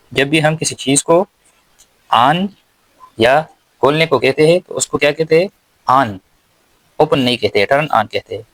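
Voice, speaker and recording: A man with a Pakistani accent teaching English slowly and deliberately, pausing word by word and repeating his questions. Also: a little high, fairly bright tone, dry recording, poor audio. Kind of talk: slow spoken English lesson.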